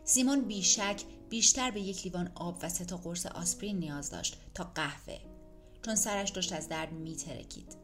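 Woman reading an audiobook, steady, lowish voice, soft music behind. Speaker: narrator. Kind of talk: audiobook narration.

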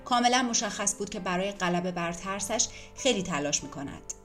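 A woman narrating an audiobook in a measured, dramatic manner. Her voice sits in a medium range. Faint background music plays throughout. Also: mid-range voice, expressive, a bit bright.

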